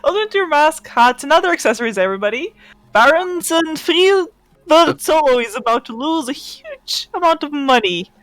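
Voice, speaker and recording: A woman's voice: fairly high pitch, expressive, measured pace, a bit bright, no echo. A woman voicing a haughty noble lady gambler, talking grandly during improvised role-play. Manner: grand, pompous announcing.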